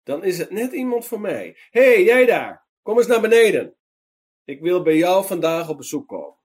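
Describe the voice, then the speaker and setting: A man's voice: fairly high pitch, expressive, normal speed, darkish tone, husky, pitched above the performer's own voice. A man voicing a kind, teasing teacher figure in a storybook reading, with a playful way of calling out. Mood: cheerful.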